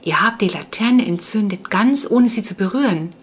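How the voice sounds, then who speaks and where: A woman's voice: medium pitch, expressive, moderate pace, slightly rough. A woman reading the part of a polite vampire boy who slept for centuries, speaking in a courtly, archaic, wondering manner.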